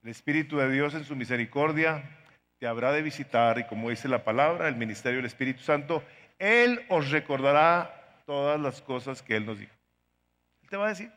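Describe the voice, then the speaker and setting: Bright-voiced man preaching a sermon. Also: mid-range voice, animated, fairly quick, big-room sound. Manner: preaching with pleading, dramatic swings in loudness. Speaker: pastor.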